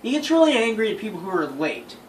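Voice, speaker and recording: Fast and very animated, a young man with a high-pitched voice tells his friends a story, exasperated, emphatic and prone to repetition. He's indoors in a small bedroom with a phone camera recording from across the room, which leaves the sound distant, noisy and roomy.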